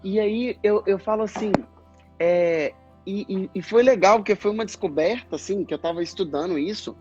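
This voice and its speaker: A man, a speech therapist, explaining pronunciation in a casual live chat, in halting bursts. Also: high voice. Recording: dull lo-fi stream audio, faint music.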